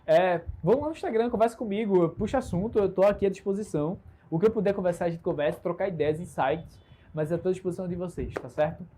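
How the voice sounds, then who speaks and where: Recorded on a smartphone camera with a little hiss or hum, a twenty-something entrepreneur from Recife talks fast in a high-pitched, warm voice. With his Recife Brazilian Portuguese accent, he chats casually and earnestly to his channel's audience in a solo bedroom livestream, upbeat, self-assured and gesturing a lot.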